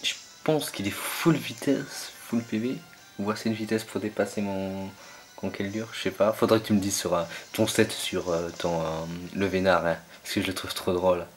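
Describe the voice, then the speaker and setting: Low-voiced young man commentating. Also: normal speed, faint music behind. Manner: hesitant, lots of fillers, searches for names. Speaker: gamer commentating his own match. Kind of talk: casual game commentary.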